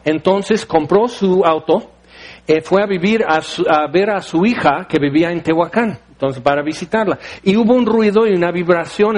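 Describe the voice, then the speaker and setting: A man's voice: high-pitched, darkish tone. A man with a Mexican accent preaching a sermon, telling stories with everyday analogies and firing off rhetorical questions. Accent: Mexican Spanish.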